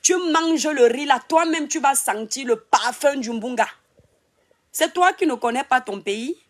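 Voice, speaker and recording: A woman's voice: sits high, lively intonation, unhurried. Cameroonian woman scolding viewers, laughing. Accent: Cameroonian French. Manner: teasing, scolding and laughing at a critic. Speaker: live-stream host. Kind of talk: casual live-stream talk to viewers. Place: home in Europe.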